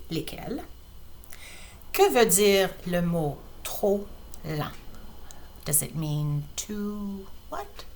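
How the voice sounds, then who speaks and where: A woman teacher with a Quebec accent reading a picture book aloud to her class, lively and expressive with playful asides. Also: mid-range voice, slight background noise. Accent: Quebec French.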